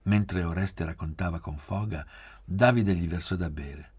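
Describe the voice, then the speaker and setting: A man narrating a literary novel as an audiobook reader, measured and soft-spoken, at times dropping almost to a whisper. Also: low voice, husky, no echo.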